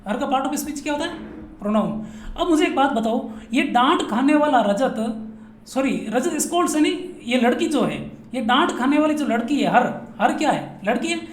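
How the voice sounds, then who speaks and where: This grammar teacher, a man from Rajasthan, India, speaks briskly at an extremely high pitch with lively intonation. He playfully quizzes and answers himself, hammering each point through repetition as he drills the class. Faint noise and echo fill the room.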